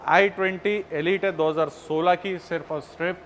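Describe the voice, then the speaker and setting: A man's voice: sits high, steady tone, moderate pace, fairly bright tone. A man, a used-car dealer giving a hard-sell list of models and prices with emphatic repeated phrases. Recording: faint ambient background noise.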